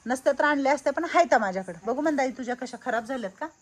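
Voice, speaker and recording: A woman's voice: high voice, rapid-fire. A woman running an old-age home, chatting and coaxing residents as she hands out things. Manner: lively, coaxing elders, calls out loudly. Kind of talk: casual vlog chat.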